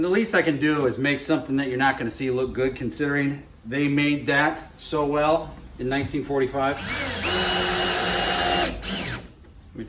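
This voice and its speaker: Over clear background music and heavy noise, a radio morning show host with a mid-range voice guides viewers step by step through a DIY project. His delivery is casual, folksy, and wry, like a relaxed hands-on tutorial.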